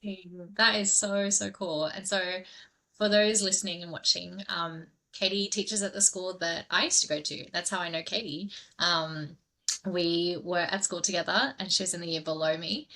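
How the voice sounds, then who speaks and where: A woman hosting a podcast in a relaxed, chatty way, laughing easily and dropping into soft asides. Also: on the low side, moderate pace. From grew up in southern India. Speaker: podcast host. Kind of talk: casual podcast chat.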